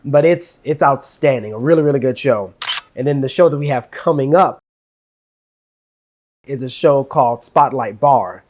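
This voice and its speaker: A man's voice: mid-range voice, moderate pace, pauses often, darkish tone, a little hiss or hum. An upbeat man working as a cruise director, chatting casually and enthusiastically in an interview, stressing key words with emphatic repetition. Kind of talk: casual interview, promotional chat.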